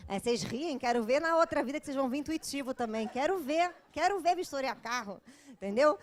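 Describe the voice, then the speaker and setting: A woman with a Brazilian Portuguese accent delivers a spiritual lecture full of humor, her voice sitting on the high side. She tells her points as jokey little stories and lurches from loud bursts down to hushed asides. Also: fairly quick, slight background noise. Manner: animated, jokey storytelling with sudden swings from loud to hushed.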